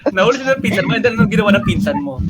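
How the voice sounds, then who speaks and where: A man's voice: very high-pitched, lively intonation, very fast, poor audio. A Filipino man hosting an online chat, teasing and joking with his guest as he questions her. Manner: teasing, joking interviewer with frequent laughs. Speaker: host. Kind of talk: casual chat.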